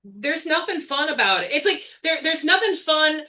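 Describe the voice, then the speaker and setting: A woman from the Chicago area chats casually on a podcast, blunt and animated as she describes the work. Her voice is bright and forward. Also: high-pitched, normal speed. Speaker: band member.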